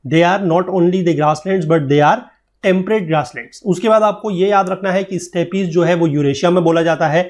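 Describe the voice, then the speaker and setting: Speaking a little slowly in a high-pitched, slightly mellow voice, a man gives a geography lecture for exam preparation. He explains with patience, asks tag questions to make sure students keep up, and blends English textbook lines into Hindi.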